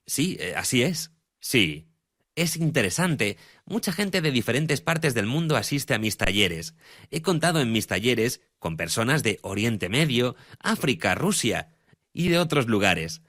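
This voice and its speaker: A man speaking as a guest expert in a dubbed interview, calmly explaining and repeating each saying slowly. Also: medium pitch, no room sound, studio quality.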